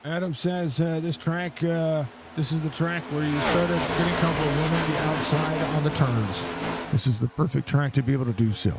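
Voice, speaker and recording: A man's voice: on the high side, fairly even intonation, normal speed. A man giving casual, chatty live sim racing commentary, addressing viewers and drivers directly, his mouth barely opening after facial surgery. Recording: clear background engine noise. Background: race car engine noise.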